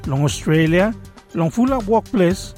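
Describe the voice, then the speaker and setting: Male radio presenter, high voice, Solomon Islands accent, Solomon Islands Pidgin, scripted explainer, faint music behind. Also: lively intonation, unhurried, a little mellow.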